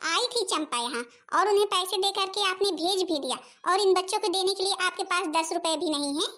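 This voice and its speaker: A woman voices a fiery village mother and daughter-in-law in a home-made cartoon. She argues in a combative, rapid-fire way with a very high voice. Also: pushed and bright. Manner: combative, quarrelsome.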